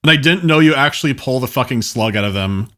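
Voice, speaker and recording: A man in casual podcast banter, telling stories in an animated way. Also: medium pitch, fast talker. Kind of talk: casual banter among friends.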